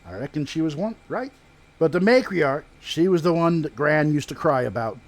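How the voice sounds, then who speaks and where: A man's voice: on the high side, animated, normal speed. Male player as proud village smith for fantasy tabletop game; rustic speech, spins family legends like gossip. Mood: wistful, heavy. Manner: rustic dialect, storytelling like sharing gossip. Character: proud, folksy male blacksmith recounting family lore. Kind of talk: in-character tabletop role-play storytelling.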